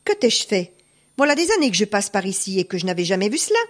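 A woman's voice: mid-range voice, very animated, fast talker, lightly acted. A woman voicing a poor, honest male peasant who pleads and protests his wrongs. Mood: pleading.

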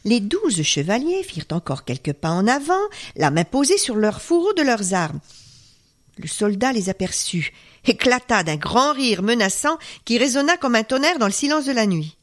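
A woman storyteller reading a folk tale aloud, expressive and dropping to a hush at tense moments. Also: fairly high pitch, normal speed.

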